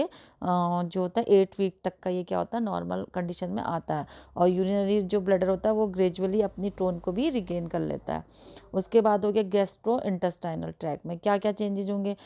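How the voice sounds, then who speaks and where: A woman teaching a nursing lesson, explaining slowly with frequent pauses, filler sounds and restated terms. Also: mid-range voice, gravelly, dark tone, clear, resonant tone. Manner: hesitant, fills pauses with "uh", repeats and restates terms. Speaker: nursing tutor. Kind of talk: explanatory lecture in Hindi mixed with English terms.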